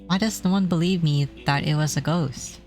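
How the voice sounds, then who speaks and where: A streamer voicing a restless, blunt young female cat in a story game, reading her lines in a flat, matter-of-fact way. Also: mid-range voice, moderate pace, soft background music, pitched above the performer's own voice, natural voice.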